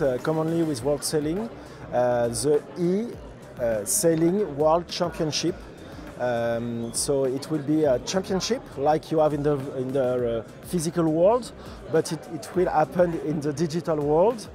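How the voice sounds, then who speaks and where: A man's voice: on the high side, unhurried, music in the background. A man answering interview questions in an exhibition hall, hesitant with many fillers and careful phrasing.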